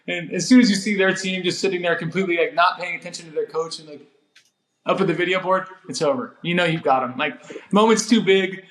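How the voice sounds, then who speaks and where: A man in his twenties with a fairly high voice. He talks casually about sports as a former player would, starting and restarting phrases and repeating them for emphasis. The recording is clearly roomy. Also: fairly bright tone. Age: 20s. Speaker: former college basketball player. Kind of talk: casual sports podcast conversation. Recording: roomy, echoey sound.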